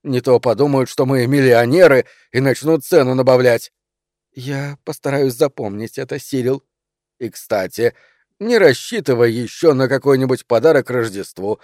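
A man's voice: mid-range voice, moderate pace, a little mellow, no room sound, studio quality, lightly acted. A man reading aloud and voicing a smug, condescending middle-aged husband.

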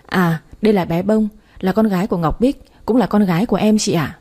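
A woman's voice: mid-range voice, brisk, warm tone, husky, lightly acted. A woman reading the part of a devoted young man in a storybook, speaking firmly and defensively. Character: devoted young man, firm with his family.

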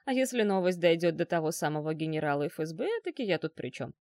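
A woman's voice: low voice, lively intonation, fast, a little mellow, dry recording, clean studio sound, voice pushed down. A woman voicing a fussy, chattering middle-aged male doctor who talks in a wheedling way. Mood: wounded.

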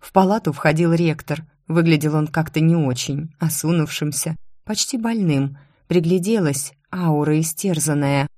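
Low-voiced woman narrating an audiobook. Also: normal speed, hardly any pauses, no echo, studio quality. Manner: expressive, dramatic reading. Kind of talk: first-person audiobook narration.

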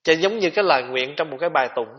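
A man giving a gentle, conversational Buddhist dharma talk, with rhetorical questions for his listeners. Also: on the high side, expressive, rapid-fire. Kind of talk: sermon. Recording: dull lo-fi tape recording.

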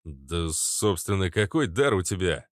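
A man voicing a fussy, chatty older man with a creaky, excitable voice. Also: low voice, unhurried, no room sound, studio quality. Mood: excited. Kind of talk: audiobook character voice.

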